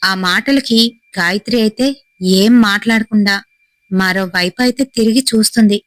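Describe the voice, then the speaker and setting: Female horror storyteller, steady suspenseful telling, dry close sound. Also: medium pitch, moderate pace, no room sound, rough recording.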